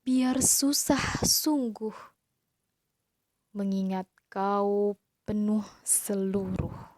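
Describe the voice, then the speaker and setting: A woman teacher reciting a poem dramatically for her pupils, drawn out, with hushed whispered lines. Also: medium pitch, drawn-out words, no echo. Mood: solemn.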